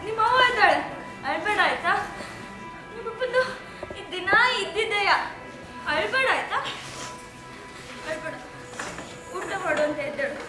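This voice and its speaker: A woman's voice: extremely high pitch, lively intonation, unhurried, long pauses. A woman on stage playing a poor, suffering mother who pleads with her drunken husband and soothes her daughter. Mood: soothing sad. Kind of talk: stage drama acting. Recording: echoey hall, music behind.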